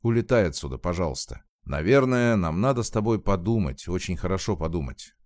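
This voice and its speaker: A man voicing a tearful young woman who is torn and desperate, in a soft, pleading read. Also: low voice, animated, fairly quick, no room sound, clean studio sound. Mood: wistful.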